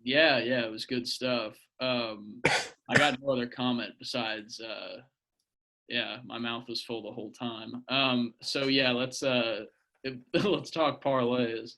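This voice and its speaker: Young male podcast co-host with a mid-pitched voice, crude jokes, lots of ums and uhs. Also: fairly even intonation, takes it slowly, bright, forceful tone. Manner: crude jokes, trailing off with fillers. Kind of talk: casual chat.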